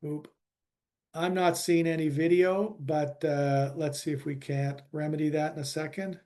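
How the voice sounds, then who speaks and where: Man presenting with halting fillers. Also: fairly high pitch, little pitch movement, darkish tone. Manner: halting, many fillers and restarts. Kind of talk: webinar presentation.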